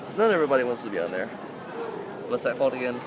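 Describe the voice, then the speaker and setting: A man with a medium-pitched voice, very animated and racing along, chats informally with an interviewee outdoors on a city street. He rambles and swears freely, with a crowd and traffic noise behind him.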